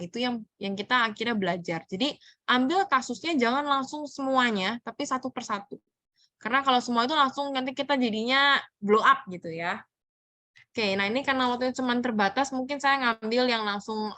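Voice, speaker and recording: A woman's voice: fairly high pitch, brisk, sharp tone, no echo. A woman giving casual coaching advice in a webinar, mixing in English words. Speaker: speaker answering audience questions on mental health. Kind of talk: informal webinar talk.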